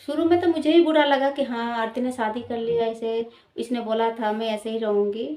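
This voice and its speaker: A woman vlogger talks straight to camera in an admonishing tone, repeating her points and checking in with tag questions. Her voice sits a little high for a woman. The recording carries a roomy echo off the walls. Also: fairly even intonation, normal speed, warm tone. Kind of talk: direct-to-camera opinion vlog. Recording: roomy echoey room.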